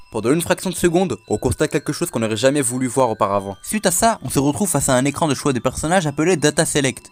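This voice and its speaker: A man hosting a video, casually recounting an internet horror legend in a chatty, joking way and talking straight to his viewers. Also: mid-range voice. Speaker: host.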